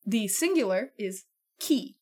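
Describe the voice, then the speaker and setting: A woman's voice: mid-range voice, animated, unhurried, darkish tone, slightly rough. A woman hosting a radio show from a living room studio, chatty and patient as she explains words, often laughing. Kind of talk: casual chat.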